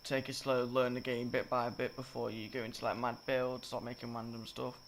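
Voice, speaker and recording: Sounding croaky and a bit under the weather, a young man talks through a game-building tutorial at a brisk clip, his mid-range voice delivered flatly. It's casual commentary full of fillers and self-corrections, set against loud game noise, sound effects and clicks.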